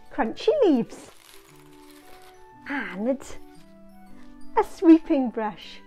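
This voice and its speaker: A woman in her thirties telling stories to young children in an animated, singsong, interactive way. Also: fairly high pitch. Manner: animated, singsong, with acted sound words. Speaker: children's show presenter and storyteller. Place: small indoor children's show set.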